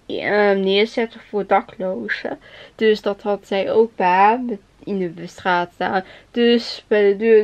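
A woman's voice: medium pitch, lo-fi sound. A woman vlogger rambling through anecdotes, laughing often and acting out the people she quotes. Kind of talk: casual storytelling.

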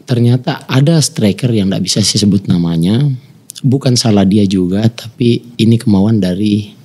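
A man from Samarinda in his thirties, a footballer guest telling his story earnestly in a casual interview, often dropping to a soft voice. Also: moderate pace, husky. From Samarinda, East Kalimantan, Indonesia. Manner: earnest, often drops to a soft low voice when moved.

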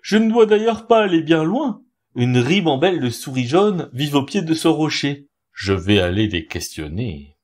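A man voicing a vain, pompous male owl in a storybook tale, speaking in a drawn-out, wheedling way. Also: a little high, very animated. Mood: self-satisfied.

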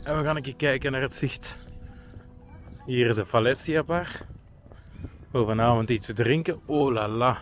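A man with a Flemish accent narrating his travel vlog in a relaxed, chatty way, pausing with fillers as he walks outdoors. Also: mid-range voice. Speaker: travel vlogger. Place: outdoors, walking on a trip. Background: music.

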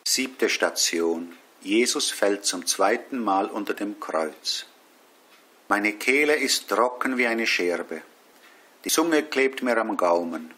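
A man leading a Stations of the Cross devotion, reading prayers and scripture in a slow, solemn way. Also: lowish voice, lively intonation, pushed and bright, breathy edge. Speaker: prayer leader.

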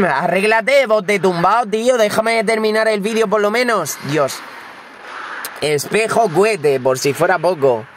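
A young man from Spain calls his mobile game as he plays it, with a Spanish accent and a voice a little higher than usual. He is hoarse with a cold. He curses freely and talks straight at his viewers. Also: measured pace, fairly bright tone, slight background noise. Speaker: gaming YouTuber. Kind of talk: live gameplay commentary.

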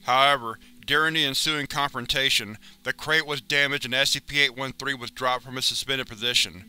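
A man narrates a wiki entry in a formal, clinical manner. His voice is very bright and crisp, with a smooth, clear tone. The delivery stays steady and even throughout. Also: mid-range voice, brisk, soft background music. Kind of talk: scripted reading of a wiki entry.

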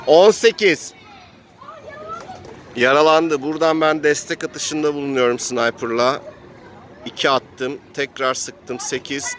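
A man serves as game master, narrating an improvised role-playing adventure with dramatic play-by-play storytelling. His voice is on the high side with a fairly bright tone, and faint street noise and background voices can be heard.

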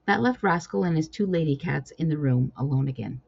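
A woman reading her own cat storybook aloud with expressive storytelling. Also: low-pitched, fairly quick, creaky, husky. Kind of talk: storybook narration. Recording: dull lo-fi recording.

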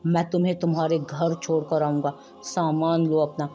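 Harsh shouting young husband in a storybook, woman reading it, lowish voice, faint music behind. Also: flat delivery, normal speed, close to an everyday voice. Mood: furious. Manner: curt, commanding.

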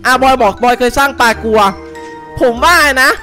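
A young man giving excitable, casual co-op game commentary, yelping and laughing often. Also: very high voice, moderate pace. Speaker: gaming YouTuber. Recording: music playing behind.

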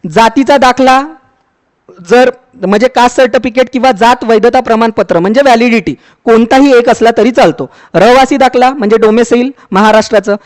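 A man with a very high-pitched voice talks students through an application step by step. He speaks conversationally, often pausing to check in and restarting words. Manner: conversational, repeats "ठीक आहे", frequent fillers and restarts. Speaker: education YouTuber explaining a scheme. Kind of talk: explanatory walkthrough for students.

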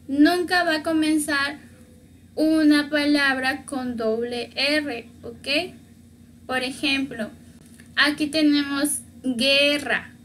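A woman from Mexico, teaching a beginner language lesson, patiently repeating words slowly to model their pronunciation. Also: sits high, a bit bright, slight background noise. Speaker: Spanish teacher.

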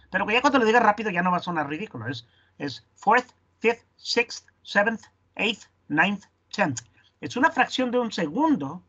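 A man's voice: fairly high pitch, a bit bright, slightly rough, lo-fi sound. A man with Spanish as his first language, teaching English in an online class in a chatty way and repeating words to drill pronunciation. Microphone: video call.

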